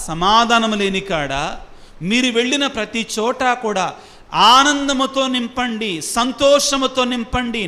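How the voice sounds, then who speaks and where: Repeatedly quizzing the congregation, a priest delivers a call-and-response sermon in a high, bright, ringing voice. He sprinkles English phrases through his own language. Each line dies away into a long hall reverb.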